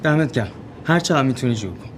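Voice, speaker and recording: A man's voice: mid-range voice, animated, background noise, lightly acted. An actor playing a friendly, deferential man in film dialogue, using casual street slang. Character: grateful friendly man asking a favor. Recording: film soundtrack with music.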